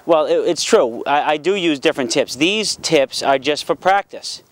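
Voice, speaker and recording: Folksy barbecue dad, higher-pitched man. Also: lively intonation, normal speed. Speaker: dad hosting a hunting and fishing show. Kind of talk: casual explaining to family and camera.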